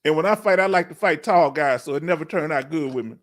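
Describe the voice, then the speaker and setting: Relaxed and rambling, a middle-aged Houston, Texas host chats with viewers on a casual live Q&A stream and laughs easily. He's a fast talker whose voice sits a bit higher than most men's.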